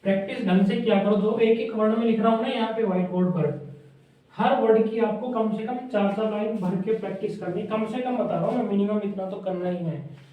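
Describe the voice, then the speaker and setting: High-voiced male shorthand teacher, echoey room. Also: dark tone. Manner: drills words by repeating them slowly. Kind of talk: whiteboard lesson. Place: classroom with whiteboard. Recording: very echoey room, mic far off.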